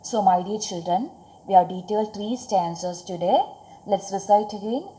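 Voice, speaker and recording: A woman's voice: mid-range voice, moderate pace, warm tone, poor audio. A woman with a Malayalam accent from Kerala, teaching English poetry to schoolchildren, reciting and explaining word by word in a didactic, repetitive way. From Kerala, India. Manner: didactic, repeats phrases and spells out words.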